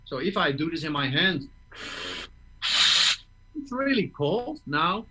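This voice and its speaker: A man's voice: on the high side, sing-song, slow pace, pushed and bright, slightly rough, poor audio. A man teaching tuba breathing in an online master class, explaining step by step and often checking in with "okay?". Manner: explains step by step, restarts words, asks "okay?".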